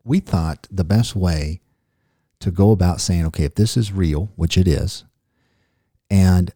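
A man's voice: low-pitched, unhurried, warm tone, dry recording, studio quality. A middle-aged man hosting a podcast in casual chat, rambling and joking off on tangents. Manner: rambling, jokey, goes off on tangents. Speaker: podcast host.

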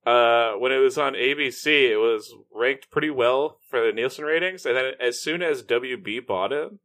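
A man's voice: mid-range voice, moderate pace, a bit bright. A man co-hosting a podcast in casual chat, dryly reading out facts and laughing along. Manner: dry, reads out facts, laughs. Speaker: podcast co-host.

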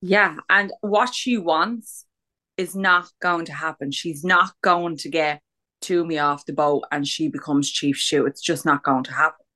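An Irish woman co-hosting a podcast gossips casually in a blunt, sweary manner with an Irish accent. Her voice sits low and unhurried, with a bright, forceful tone.

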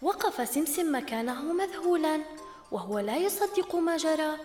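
A woman narrating a children's story as host, in a gentle, expressive storytelling manner. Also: high voice, normal speed. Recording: roomy reverb, long echo, soft music bed. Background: faint background music.

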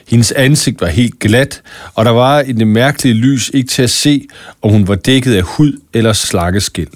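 A man, calmly narrating a children's story. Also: mid-range voice, no echo, studio quality.

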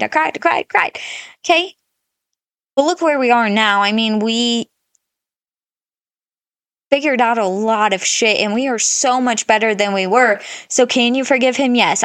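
A woman's voice: a little high, a bit bright, no echo, clean studio sound. A woman in her thirties co-hosting a podcast, giving blunt, emphatic advice in casual chat and swearing often. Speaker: podcast co-host.

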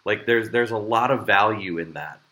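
A man's voice: lowish voice, normal speed, sharp tone. A man hosting a casual podcast chat, rambling with plenty of fillers and restarts. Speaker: podcast host and show promoter.

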